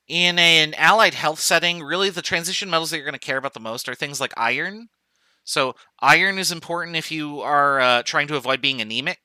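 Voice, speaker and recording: A man's voice: mid-range voice, sharp tone, smooth, no echo. A man teaching an online chemistry class in a casual, joking way, thinking aloud with fillers as he goes. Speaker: chemistry professor. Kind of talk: online lecture.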